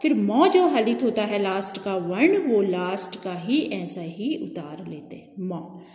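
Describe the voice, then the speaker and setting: Slow, echoey woman teacher. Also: mid-range voice, lively intonation, warm tone. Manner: asks questions and answers them herself, slow and drawn out. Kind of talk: classroom grammar lesson. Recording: echoey room with long reverb.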